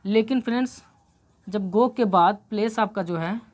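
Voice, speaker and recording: Woman, English teacher, slight cold, step-by-step grammar lesson, repeats points, checks understanding, mid pitch. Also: measured pace, darkish tone. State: coming down with a cold.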